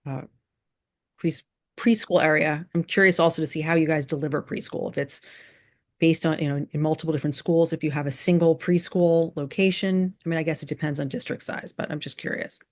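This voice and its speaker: With a low, steady voice, a woman offers informal remarks as school board chair during a video call meeting. She hesitates as she thinks aloud and tends to repeat phrases.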